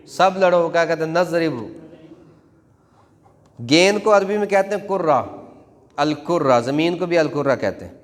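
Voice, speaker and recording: A man teaching a Quran class in a mosque, chanting verb conjugations in a rhythmic classroom drill. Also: on the high side. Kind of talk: classroom Arabic grammar drill. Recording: long hall reverb.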